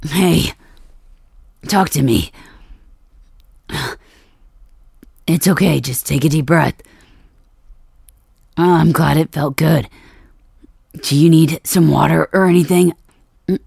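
Whispered role-play: a performer playing a brash, gruff adult man, slow and husky. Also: mid-range voice, dry recording, clean studio sound, full character voice. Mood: soothing. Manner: soft-spoken, gruff, mildly cursing. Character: brash adult man, cocky yet caring.

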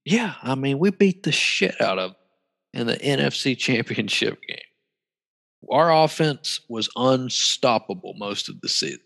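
A man's voice: medium pitch, very animated, measured pace, vocal fry, a bit bright. A man co-hosting a casual sports podcast, emphatic and swearing, with vivid exaggeration. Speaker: podcast co-host. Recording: roomy echo.

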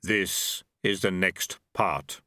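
A solemn personification of Death speaks in a slow, weighty audiobook voice, performed by a man. Every word is measured and grave. The recording is dry and close, with no room sound. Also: low-pitched, pushed and bright, no room sound, pitched below the performer's own voice, exaggerated voice.

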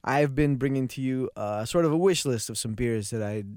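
A man's voice: mid-range voice, normal speed, darkish tone, smooth, no room sound, clean studio sound. A man co-hosting a podcast in casual chat, laid-back and often trailing off to restart his sentences. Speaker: podcast co-host.

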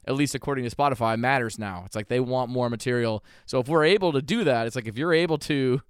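A man hosting a podcast interview, relaxed and thinking aloud as he talks. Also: mid-range voice, fast, clear, resonant tone, dry recording, clean studio sound. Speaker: podcast host. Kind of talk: casual interview chat.

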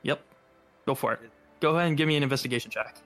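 A man's voice: medium pitch, racing, a bit bright, faint music behind. Man running a tabletop game. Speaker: game master.

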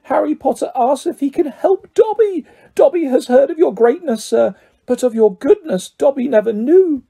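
A man voicing a small, fawning, earnest house elf with a high-pitched squeaky voice in a storybook reading. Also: lively intonation, moderate pace, vocal fry, warm tone, full character voice. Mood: reverent. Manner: speaks of self in third person, fawning. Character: small servile male house elf, earnest and tearfully grateful.

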